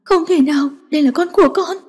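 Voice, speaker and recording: A woman voicing an emotional pregnant young woman who speaks in a high, trembling, pleading voice. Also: steady tone, moderate pace, dark tone, slightly rough, big-room sound. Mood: distraught.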